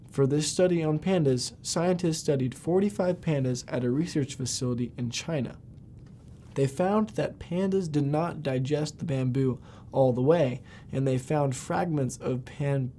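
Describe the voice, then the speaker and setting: A man's voice: mid-range voice, warm tone, slight background noise. A man hosting a podcast, reading scripted science facts aloud and occasionally stumbling over words. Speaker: podcast host.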